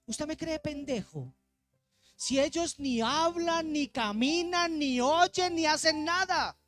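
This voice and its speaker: A man's voice: extremely high pitch, slow, a bit bright, faint music behind, pitched above the performer's own voice, full character voice. A man preaching who voices Abraham's indignant father, scolding in disbelief.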